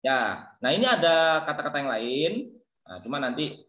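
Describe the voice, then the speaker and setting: A man's voice: fairly high pitch, animated, moderate pace, sharp tone, roomy sound. A male lecturer teaching English pronunciation in an online class, calling on students by name and encouraging them. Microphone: video call.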